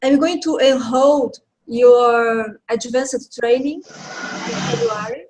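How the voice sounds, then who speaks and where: Slow-talking Brazilian woman in her forties. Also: fairly high pitch, poor audio. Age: 40s. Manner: slow, halting, with soft laughs. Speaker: caller, healing instructor. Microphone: video call.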